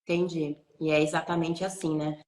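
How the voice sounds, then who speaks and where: A woman's voice: low-pitched, little pitch movement, normal speed, darkish tone, reverberant. A woman hosting a live online interview, asking reflective questions and thinking aloud about the topic. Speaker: host. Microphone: video call.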